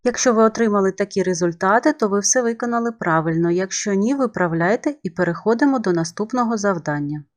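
A woman teacher talking young pupils through their math exercises. She is calm and patient, and her voice is of middle height. She explains each step clearly, as in a recorded remote lesson. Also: medium pitch, quick pace, hardly any pauses.

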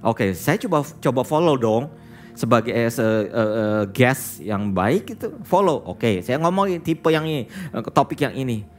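A pastor delivers a sermon in a conversational, storytelling way, turning to his listeners again and again as he speaks. His voice rises and falls with lively intonation, and he slips English words into his talk. Faint music plays behind him. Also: medium pitch, measured pace. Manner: storytelling, often addresses listeners as "saudara"; mixes English words into speech.

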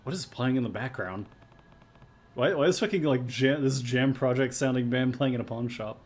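A man's voice: mid-range voice, normal speed. A man streaming a game, commenting casually, joking, swearing and laughing often.

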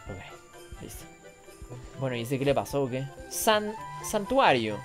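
A woman streamer giving jokey, excitable commentary while playing games. She swears in two languages and often breaks into yelps and shrieks. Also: rumbling low, unhurried. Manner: jokey, swears in Spanish and English. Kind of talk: gaming commentary. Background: game music.

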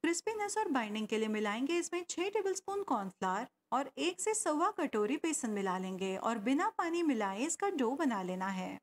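A woman talks through a home cooking recipe. She explains step by step and adds tips along the way. Her voice is high and swings widely in pitch. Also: big pitch swings, normal speed, hardly any pauses. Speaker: cooking channel host. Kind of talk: recipe voice-over narration.

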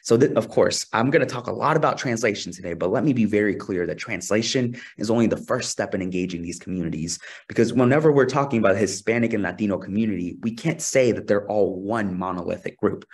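A man's voice: on the low side, breathy edge. Peru-born man giving a webinar talk. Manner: earnest, asks for next slide, some restarts. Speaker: social scientist presenter. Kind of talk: webinar presentation. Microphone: video call webcam.

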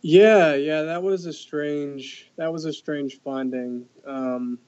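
Young guy scientist explaining stuff, lots of ums, kinda flat and dark, muffled podcast sound. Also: fairly high pitch, slow pace. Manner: hesitant, many fillers and restarts. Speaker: guest researcher. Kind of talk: conversational expert explanation.

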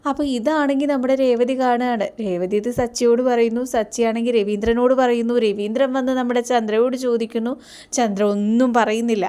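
A woman with a slightly high voice retells a serial episode step by step. Her delivery is chatty and conversational, peppered with little tag words. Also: steady tone, a little fast, dark tone, clear, resonant tone. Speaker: serial recap narrator. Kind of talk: casual storytelling recap.

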